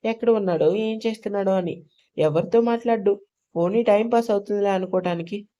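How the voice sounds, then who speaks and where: A woman's voice: medium pitch, brisk, warm tone. A woman narrating a romantic audio story, reading every character's lines in her own voice. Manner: reads all characters' dialogue in her own voice.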